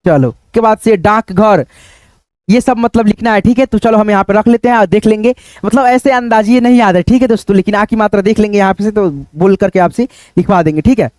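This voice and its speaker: A man teaching Hindi writing online, dictating words slowly and breaking them into syllables, often checking in with his students. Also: high voice, a little mellow, dry recording. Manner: slow, patient dictation, repeating words syllable by syllable; keeps checking in with "ठीक है" and "दोस्तों".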